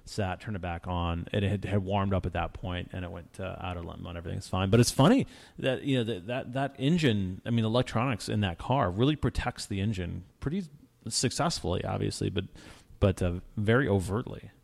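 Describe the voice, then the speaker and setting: A man with a low, gravelly voice chats easily as a show host. He rambles through his stories and often restarts his sentences. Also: a little fast. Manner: relaxed, rambling storyteller with many restarts. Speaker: podcast host. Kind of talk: casual car chat.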